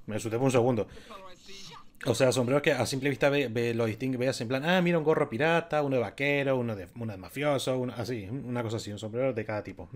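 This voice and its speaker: Un hombre que comenta un juego de rol en voz alta, con apartes burlones y divagaciones sueltas. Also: male voice, medium pitch, quick pace. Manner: joking asides, loose rambling. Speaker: gaming video creator. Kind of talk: casual let's-play commentary.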